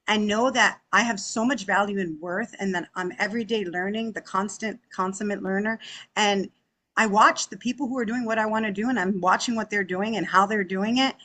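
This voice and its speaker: A woman in her forties speaking on a conference panel, energetic and emphatic, often tagging her points with "right?". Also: medium pitch. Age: 40s. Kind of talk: panel discussion.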